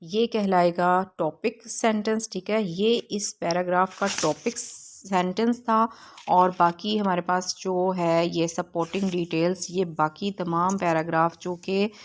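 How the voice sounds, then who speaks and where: Low-voiced woman teaching a textbook lesson. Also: steady tone, a little hiss or hum. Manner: explains step by step, reads English lines slowly, frequent fillers.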